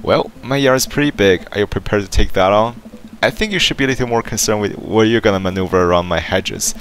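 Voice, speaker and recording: A man's voice: fairly low pitch, fast talker, a little hiss or hum, lightly acted. A man voicing a friendly, competitive suburban dad in a dating game, jovial and boastful.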